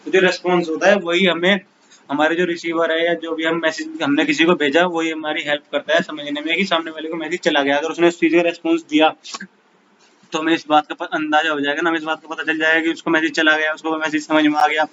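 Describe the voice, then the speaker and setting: Casual Hindi-English tutor, flat voice. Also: male voice, fairly high pitch, highs cut off, a little hiss or hum. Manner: explains in casual Hindi mixed with English, reads English definitions slowly; addresses viewers informally as bhai and guys. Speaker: teacher. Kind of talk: exam-prep lecture.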